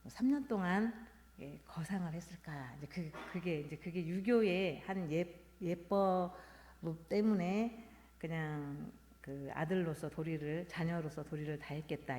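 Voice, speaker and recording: A woman in her fifties, a Won Buddhist minister, giving a halting, reflective talk at a Sunday service. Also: sits low, dark tone. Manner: halting, reflective, personal storytelling. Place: temple hall. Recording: long hall reverb.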